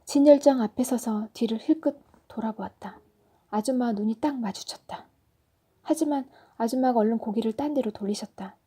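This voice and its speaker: A woman storyteller reading a children's story aloud in a soft, often whispery narration. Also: a little high, a little fast, breathy edge.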